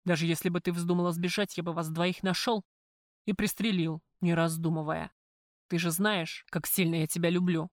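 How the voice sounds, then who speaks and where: A woman's voice: lowish voice, little pitch movement, normal speed, no echo, clean studio sound, natural voice. A woman reading the part of a jealous, threatening male crime boss with a coarse, suspicious manner. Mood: menacing.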